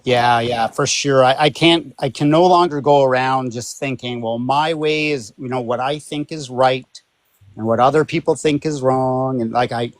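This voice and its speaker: A man's voice: mid-range voice, moderate pace, no echo. A man talking casually as a guest, informal and emphatic with a self-deprecating streak. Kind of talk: casual conversation.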